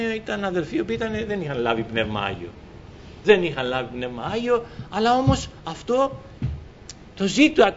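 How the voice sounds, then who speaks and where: A man's voice: sits high, highs cut off, a little hiss or hum. A man preaching a sermon, reading scripture and then exhorting the congregation, rising emphatically on his questions and calling them beloved brothers. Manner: addresses listeners as beloved brothers.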